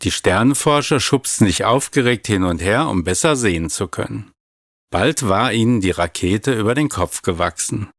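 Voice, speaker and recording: A man calmly reading a children's story aloud. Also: fairly low pitch, moderate pace, no room sound, studio quality. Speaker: narrator.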